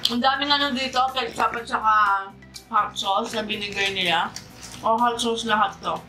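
A woman's voice: fairly high pitch, fairly even intonation, moderate pace, bright, forceful tone, poor audio. A woman vlogger chatting casually during a mukbang, talking with her mouth full of pizza as she savors the food. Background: background music.

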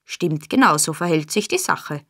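A woman's voice: low-pitched, animated, normal speed, fairly bright tone, no echo, clean studio sound, exaggerated voice. A woman voicing a lazy, sly young male informer in an audiobook, with a drawling, offhand delivery.

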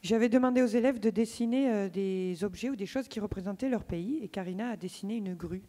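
A woman's voice: mid-range voice, a little fast, warm tone. A woman teacher explaining her class's project on stage at a ceremony, a little hesitant. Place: large auditorium. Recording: echoey hall.

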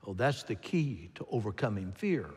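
An older man, a pastor, preaching a sermon from a pulpit in a large church, expressive and emphatic. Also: fairly low pitch, moderate pace. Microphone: pulpit microphone. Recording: long church hall reverb.

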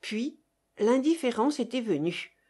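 A woman reading a classic novel aloud in a measured, expressive way. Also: on the high side, husky. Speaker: audiobook reader. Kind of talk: scripted narration.

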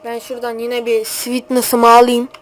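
A teenage girl hosting a gaming channel, giving excitable, hot-tempered gameplay commentary full of trash talk. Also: on the high side, moderate pace.

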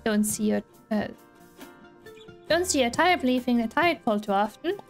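A woman's voice: on the high side, expressive, a little slow, faint music behind. A woman reading the lines of a grumbling male snail villager from a game. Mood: complaining. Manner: complaining, gossipy. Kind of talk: reading game dialogue aloud.

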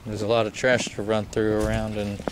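Commentary from a young urban-exploration vlogger comes in a fairly low, monotone voice delivered fairly quickly as he films himself outside and inside an abandoned factory. Relaxed, self-mocking and prone to chuckles, he's captured by a handheld camera mic amid outdoor noise.

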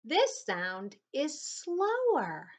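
A woman reading the lines of a curious young boy who searches for a sound in a storybook, in a slow, careful storybook delivery. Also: high voice, huge pitch swings, pitched above the performer's own voice, exaggerated voice. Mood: puzzled.

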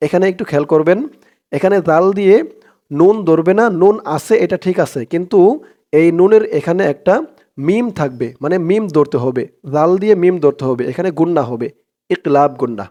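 A man with a high, light voice teaching a prayer word by word. He speaks his explanations plainly, then chants each phrase slowly and stretches it out for listeners to repeat. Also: warm tone. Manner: slow, drawn-out chanted recitation between spoken explanations. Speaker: Arabic teacher.

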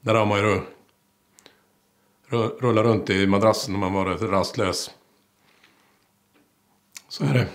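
A man's voice: on the low side, fairly even intonation, pauses often, natural voice. A man playing a boastful, petty small-town wannabe rock singer who rambles and swears constantly, speaking with a small-town Swedish accent. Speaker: comedic character, aspiring songwriter. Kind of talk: mockumentary comedy monologue to camera.

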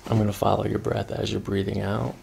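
This chiropractor, a man in his thirties, speaks briskly in a fairly low, flat voice with vocal fry as he walks a patient through a hands-on exam with directions and quick check-ins. The setting is a small carpeted clinic room, picked up by a boom-arm microphone by the table amid heavy noise.

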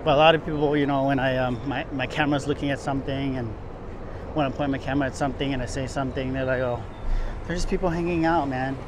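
Very fast and flat, with a medium-pitched voice, this man rambles through a casual vlog walking tour, restating points again and again. Filmed on a handheld camera along downtown sidewalks, the audio clearly picks up city traffic and street noise.

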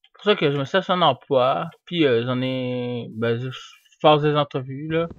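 A young man giving casual, rambling commentary while he plays, getting excited and yelling at the game now and then. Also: mid-range voice, unhurried. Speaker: gamer. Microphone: desk microphone. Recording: dull, dry home mic.

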